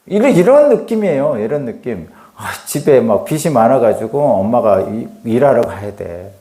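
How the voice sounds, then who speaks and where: A man's voice: mid-range voice, very animated, moderate pace, dark tone, echoey room. A middle-aged male pastor preaching a dawn sermon in a conversational way. He acts out dialogue and asks rhetorical questions.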